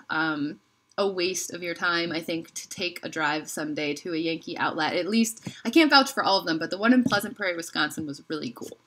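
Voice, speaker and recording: Young woman, bright tone, rambly haul-vlog talker, recorded at home on the camera mic. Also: medium pitch. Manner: chatty, rambling, lots of "like" and trailing off. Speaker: candle haul vlogger. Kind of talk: casual haul review to camera. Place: indoors, home room.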